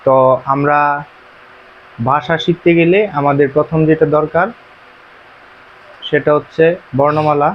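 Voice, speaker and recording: A man teaching a beginner language lesson, explaining slowly and repeating himself, with frequent "ah" fillers. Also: on the high side, level tone, slight background noise. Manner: slow, repetitive explaining with many pauses and "ah" fillers. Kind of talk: classroom-style lesson. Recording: dull, muffled recording.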